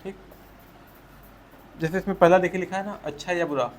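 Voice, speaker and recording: A man's voice: high-pitched, fairly even intonation, normal speed, a little hiss or hum. A man teaching a school textbook chapter, patiently explaining answers and asking leading questions to his students.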